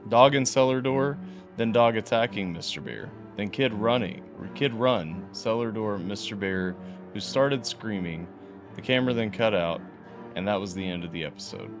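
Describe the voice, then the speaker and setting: Gravelly low-voiced man reading horror. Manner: reads unevenly, stumbles and restarts. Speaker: podcast host reading a horror story. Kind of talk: reading a creepypasta aloud.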